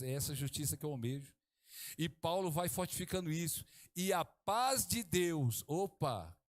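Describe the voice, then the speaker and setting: A middle-aged man from Brazil, preaching a sermon as pastor, swinging from hushed to exclaiming. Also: mid-range voice.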